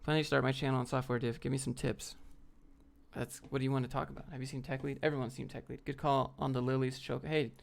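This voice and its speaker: Answering questions he reads aloud on his livestream, a man from the United States speaks off the cuff, blunt and slangy. His medium-pitched voice is gravelly, fast, and flatly delivered.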